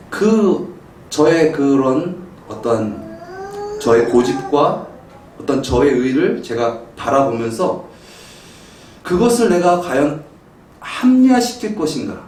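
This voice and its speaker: A middle-aged male pastor preaching a sermon, telling a family story and acting out his own shouted lines with animated storytelling. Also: mid-range voice, slight background noise. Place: church sanctuary. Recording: roomy echo, mic some distance off.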